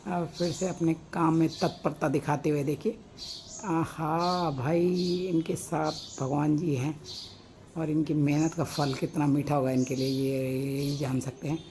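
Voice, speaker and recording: A woman from Uttarakhand with a Pahadi Hindi accent, vlogging from her sunny rooftop balcony on a phone camera, keeping her voice low and soft so she does not scare the birds. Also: steady tone, normal speed, a little hiss or hum. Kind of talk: casual vlog narration. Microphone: phone camera held by the speaker.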